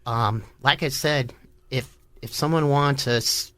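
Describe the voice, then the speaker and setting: Slow-talking, joking man, dry studio sound. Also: medium pitch, sharp tone, no echo. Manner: laid-back, joking storyteller with laughs. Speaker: podcast guest, rock musician. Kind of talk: casual interview chat.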